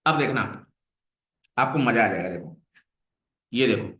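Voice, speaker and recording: A man's voice: medium pitch, expressive, measured pace, sharp tone. A man teaching a coding lesson to a class, coaxing and repeating questions to his students. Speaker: web development instructor. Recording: echoey room.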